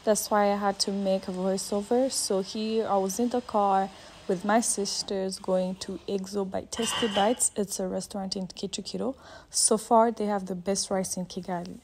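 A woman's voice: mid-range voice, steady tone, unhurried, darkish tone, slight background noise. A woman in her twenties records a casual vlog voiceover and switches between Kinyarwanda, French and English. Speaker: vlogger. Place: in a car and a restaurant. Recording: music playing under the voice.

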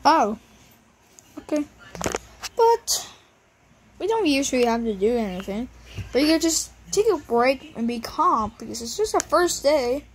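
A woman's voice: high-pitched, lively intonation, moderate pace, slight background noise, low-quality recording. A woman improvising a plush puppet show, rambling with lots of fillers and switching between character voices.

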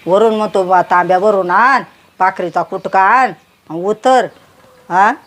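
A woman's voice: medium pitch, takes it slowly, natural voice. A woman playing an indignant village woman ranting about an unwanted son-in-law. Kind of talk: comedy sketch acting.

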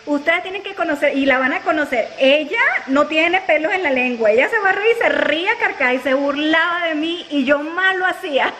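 High-pitched woman rambling through a home vlog, laughs a lot, noisy background hiss. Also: a little fast, a bit bright. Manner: chatty storyteller who laughs often. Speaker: family vlogger. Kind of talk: casual family vlog chat. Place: at home, then in a car. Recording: noisy home video recording.

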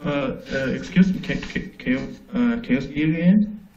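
A man on a video call asks to have something repeated; his audio comes through choppy and stuttering from a lagging connection, and he talks haltingly with repeated word starts. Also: medium pitch, darkish tone, reverberant, far from the mic, dull audio, soft background music. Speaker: questioner on a panel call. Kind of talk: video-call panel discussion.

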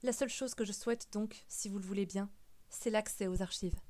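A woman voicing a calm, reserved young woman in an audiobook, speaking quietly and stiffly. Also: medium pitch, a little fast, lightly acted. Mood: firm.

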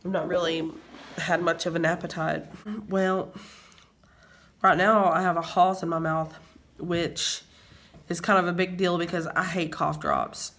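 At home indoors, a young man with a sinus infection talks into a phone camera as the vlogger's partner, trading casual banter full of dry, playful jokes. His voice runs on the high side, pushed and bright, unhurried and with little pitch movement.

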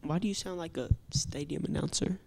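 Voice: medium pitch, fairly quick, vocal fry, a little mellow. A teenage student co-hosting a school news show, reading reminders in a plain, matter-of-fact way with teasing asides.

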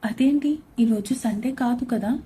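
Woman voicing an innocent, gentle young wife. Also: on the high side, measured pace, a little hiss or hum, lightly acted. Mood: puzzled.

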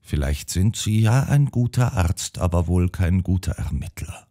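A man's voice: sits low, lively intonation, unhurried, dark tone. A man voicing an earnest elderly spinster sister in an audiobook. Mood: firm. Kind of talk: audiobook character voice.

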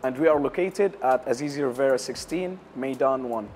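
A young man from Syria answers an interviewer in halting second-language English, leaning on fillers as he finds his words. His pitch sits in a middle range. He sounds close and clear on a lapel mic, with a faint room hum behind him. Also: darkish tone. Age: young adult. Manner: hesitant, many uh fillers, non-native English grammar. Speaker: barbershop owner, interview guest. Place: lounge area of a barbershop, indoors.

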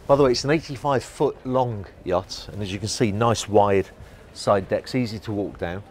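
A man's voice: lowish voice, moderate pace, slight background noise. Chatty man touring a yacht. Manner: enthusiastic, chatty, guiding the viewer. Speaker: yacht reviewer. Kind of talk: walkthrough tour commentary. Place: outdoors on a yacht deck and inside its saloon at a boat show.

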